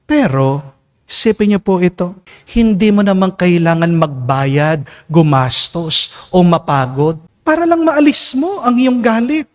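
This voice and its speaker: A Filipino priest preaches with a fairly high voice that swings widely up and down in pitch. He delivers an emphatic homily at Mass and keeps turning to the congregation with questions. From Philippines. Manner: emphatic preaching, mixing in English, often calling out "Amen?" to the congregation. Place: church during Mass.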